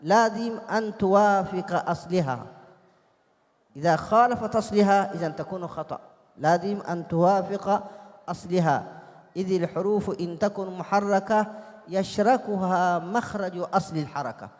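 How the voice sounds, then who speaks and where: A man's voice: sits high, moderate pace. A man teaching Quran recitation, explaining vowel sounds and singing short examples. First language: Arabic. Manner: demonstrates sounds in sung recitation. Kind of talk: tajwid lesson. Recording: long hall reverb.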